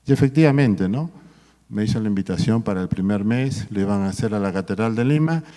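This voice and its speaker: A man's voice: fairly low pitch, animated, fairly quick, warm tone. A man preaching a sermon, exhorting his listeners as brothers and tagging his points with questions. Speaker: pastor. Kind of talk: sermon at a marriage workshop. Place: church hall. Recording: long hall reverb.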